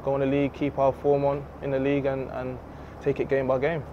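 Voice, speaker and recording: A man's voice: medium pitch, brisk. A man playing a candid young footballer. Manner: relaxed, candid, laughs easily. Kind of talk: post-match interview. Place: empty football stadium stands, outdoors. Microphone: handheld reporter mic. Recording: slightly dull outdoor audio with faint noise.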